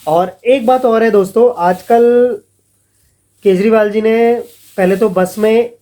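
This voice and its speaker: A man's voice: high-pitched, slow, dark tone. A man, vlogging in a casual, chatty way and calling his viewers friends as he mockingly retells scam calls. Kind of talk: casual vlog warning viewers.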